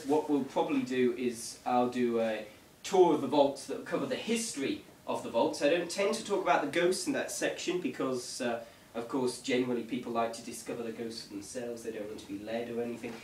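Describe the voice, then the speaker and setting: A ghost tour guide leading a vigil briefs his group informally in an echoey indoor room, with a wry, dry humor and a slightly mock-formal air. He speaks briskly at medium pitch with hardly any pauses. The sound comes from a distant camera mic, with echo and faint noise.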